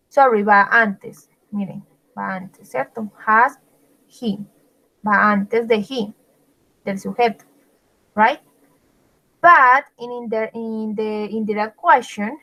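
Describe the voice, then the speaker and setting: A woman teaching English grammar in a bilingual lesson, explaining step by step, checking in often with her students, and slowing down to read out example sentences. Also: on the high side, fairly bright tone, rough recording. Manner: explains patiently, switching between Spanish and English, many check-ins.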